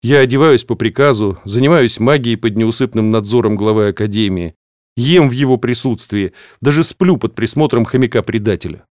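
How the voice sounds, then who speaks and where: A man narrating an audiobook in a steady, measured way. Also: mid-range voice, no room sound, clean studio sound.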